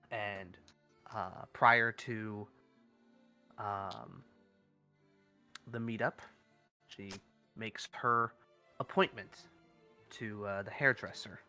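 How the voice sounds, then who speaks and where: A man acting as game master, narrating a tabletop game casually in halting, improvised phrases. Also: on the low side, bright, forceful tone.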